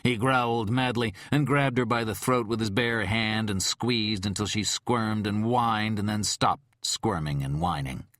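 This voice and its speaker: Guy reading an audiobook, kinda low voice, dramatic pacing, dry studio sound. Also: fairly bright tone, no room sound. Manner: measured, dramatic storytelling. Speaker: audiobook narrator. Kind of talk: scripted audiobook narration.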